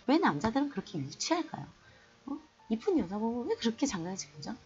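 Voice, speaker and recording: Female history teacher, lively swooping delivery, chatty lecture, slightly muffled recording. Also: a little high, fast. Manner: chatty, animated, colloquial storytelling.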